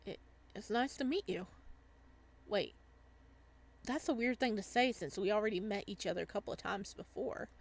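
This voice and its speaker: Playing through a visual novel casually, a woman chats and reads aloud at a moderate pace. Her voice sits at a medium pitch, and she leaves long pauses.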